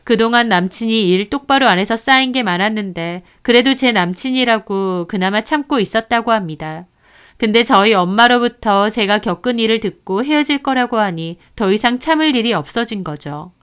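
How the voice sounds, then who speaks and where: A woman tells a dramatized first-person story with brisk indignation. Her voice sits a little high and sounds smooth and clear. The narration stays lively and pointed throughout.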